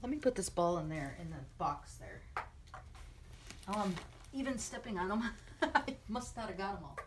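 A middle-aged woman crafting vlogger gushing excitedly over a mail swap, chatty and full of fillers. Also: medium pitch, normal speed. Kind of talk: casual unboxing chat. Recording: noisy room with crinkling and clicks.

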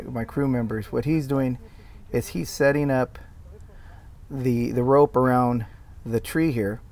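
Plain-spoken man explaining his work. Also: mid-range voice. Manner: plain, explanatory, with many fillers and restarts. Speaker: tree care worker explaining his video. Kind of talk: casual voice-over commentary.

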